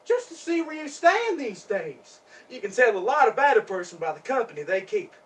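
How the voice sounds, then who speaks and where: Guy doing a cocky jealous drifter, bright voice that jumps all over, teasing, mic far off. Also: very high-pitched, very animated, normal speed, heavily acted. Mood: coaxing. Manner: mocking, cocky drawl with laughs. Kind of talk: stage drama acting.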